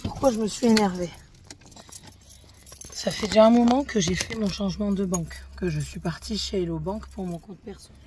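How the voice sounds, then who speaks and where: A woman's voice: medium pitch, moderate pace, warm tone, a little hiss or hum. A woman chatting casually to her phone camera outdoors in a garden, swearing freely and getting heated as she talks. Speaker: vlogger.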